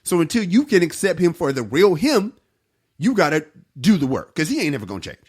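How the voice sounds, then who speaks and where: A man's voice: a little high, sing-song, brisk, a little mellow, slightly rough. A man co-hosting a podcast, ranting in a heated, profane way with his voice climbing. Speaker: podcast co-host. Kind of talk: casual podcast chat.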